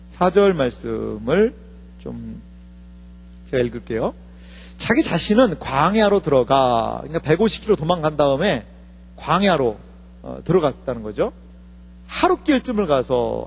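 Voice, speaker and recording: Pastor guy preaching, high voice, jumps all over in pitch, keeps quizzing the church, echoey hall. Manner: animated, asks the congregation questions. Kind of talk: sermon. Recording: reverberant hall with faint mains hum.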